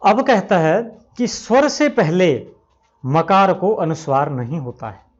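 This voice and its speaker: A man teaches grammar at an unhurried, measured pace and says each example word more than once, drawing the sounds out. His voice sits a little high for a man. The recording is dull and lo-fi. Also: animated. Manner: slow, repeats examples, stretches out words to pronounce them. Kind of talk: explanatory lesson.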